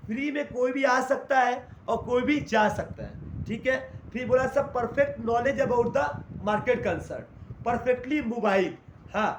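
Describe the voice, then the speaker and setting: A man teaching a class in Hindi mixed with English terms, asking questions and answering them himself. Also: very high-pitched. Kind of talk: classroom lecture. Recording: echoey room, faint noise.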